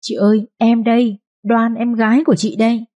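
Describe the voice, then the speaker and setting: A woman's voice: fairly low pitch, lively intonation, fairly quick, mellow, breathy edge, dull audio. A woman voicing a scheming second wife who speaks in a falsely sweet, coaxing voice in an audio story. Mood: falsely pitying.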